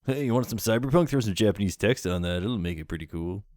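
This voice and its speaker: Lively man reading game text aloud. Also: on the low side, quick pace, no room sound, studio quality. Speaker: channel host playing the game. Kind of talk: casual gameplay commentary.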